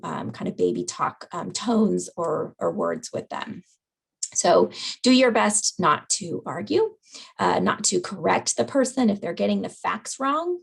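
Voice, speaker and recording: Woman teaching a caregiver webinar, raspy creaky voice, lots of ums and right?s. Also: mid-range voice. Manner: conversational, frequent "right?" and "um". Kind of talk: webinar presentation.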